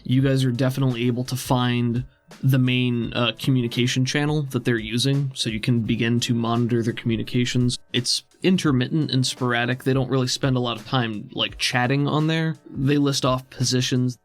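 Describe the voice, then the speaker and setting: A man's steady, mid-range voice moves fairly quickly as he narrates a tabletop role-playing game as game master. He improvises descriptions conversationally while background music plays under him.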